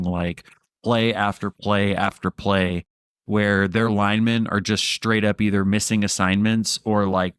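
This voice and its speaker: A man with a fairly low voice talks football in loose, rambling chat, laughing partway through his sentences and swearing now and then. The sound is dry and close, with no room around it. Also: clear, resonant tone, dry recording. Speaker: podcast co-host. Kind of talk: casual sports chat.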